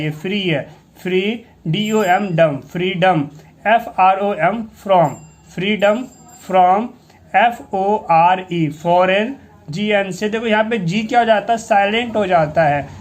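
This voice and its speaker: A male English teacher giving a reading lesson, spelling out each word letter by letter and repeating it patiently. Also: sits high. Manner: spells words out letter by letter, drawing syllables out slowly.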